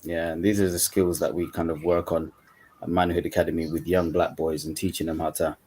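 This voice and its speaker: Very deep-voiced man, easy casual talk. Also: flat delivery, brisk, a little mellow, slight background noise. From Uganda, then UK. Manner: casual, repeats "you know". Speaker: coach and mentor, panel guest. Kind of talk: online panel discussion. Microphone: video call.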